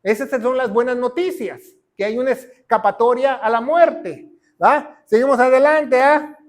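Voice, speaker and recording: High-voiced pastor preaching emphatically. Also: male voice, a little slow. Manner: emphatic preaching with frequent "¿va?" tag questions; swings from loud declarations to quiet low-voiced lines. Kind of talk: sermon.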